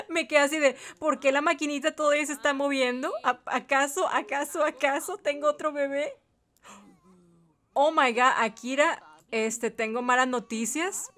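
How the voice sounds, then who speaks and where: A woman's voice: sits high, a bit bright. A woman with a Mexican accent giving playful, chatty let's-play commentary straight to her viewers. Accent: Mexican Spanish. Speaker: gaming YouTuber.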